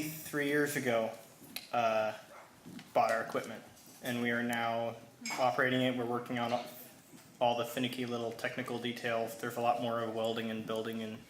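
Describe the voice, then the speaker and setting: A man giving an informal, halting project update in a modest manner. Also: medium pitch, a bit bright. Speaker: wool mill operator giving an update. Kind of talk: informal spoken presentation. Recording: echoey room, faint noise.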